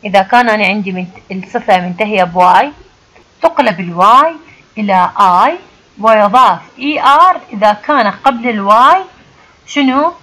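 An Iraqi woman gives an English grammar lesson in a patient, step-by-step classroom manner. She reads the English example sentences out slowly, then translates them into Arabic in a conversational voice at a mid pitch. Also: pushed and bright, low-quality recording. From Iraq. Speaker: English teacher.

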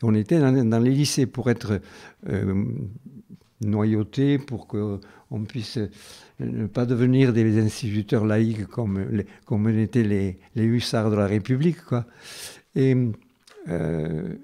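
A man in his nineties with a southern French accent from Carmaux, a retired schoolteacher telling his memories in an interview, halting but emphatic. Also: on the low side, dark tone. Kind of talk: reminiscing interview.

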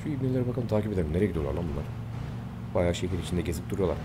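A young man commenting casually on a game he plays, brash and excitable, swearing often. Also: low voice, rapid-fire, noisy background. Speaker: gaming YouTuber. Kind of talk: Let's Play commentary.

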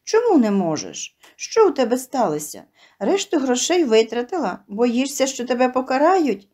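A woman voicing a kind, gentle middle-aged flower seller who speaks soothingly in an audio story. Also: sits high, huge pitch swings, normal speed, exaggerated voice.

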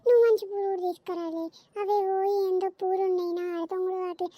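A woman's voice: very high-pitched, level tone, quick pace, warm tone, no room sound. A woman voicing a grumpy, suspicious old mother-in-law in a cartoon, who scolds, complains and nags. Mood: boastful.

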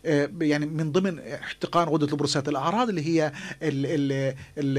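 A middle-aged man with a Palestinian Arabic accent, explaining emphatically as a doctor in a radio interview, often repeating his words. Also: on the high side. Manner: emphatic, repeats words, acts out patients' questions. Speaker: doctor, studio guest. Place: small radio studio, indoors. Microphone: desk studio microphone.

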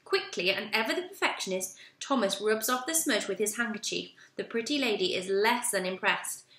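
A woman reading a children's storybook aloud in a lively, expressive way. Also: medium pitch, normal speed. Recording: roomy echo.

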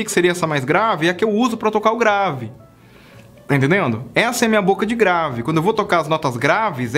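Chatty high-voiced sax teacher. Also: male voice, a bit bright. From Brazil. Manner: chatty, checks in often with "tá?" and "cara". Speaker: saxophone teacher. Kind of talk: casual video lesson.

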